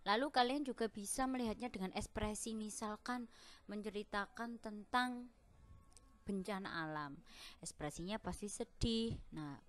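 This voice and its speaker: A woman's voice: mid-range voice, moderate pace, fairly bright tone. A young woman, a primary school teacher, patiently explaining a lesson to children in an online class.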